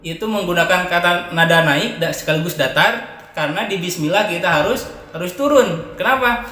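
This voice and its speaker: A man teaching Quran recitation, switching between quick, soft explanations and drawn-out, melodic chanted verses. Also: sits high, reverberant, long reverb tail. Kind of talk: Quran recitation tutorial, sung examples.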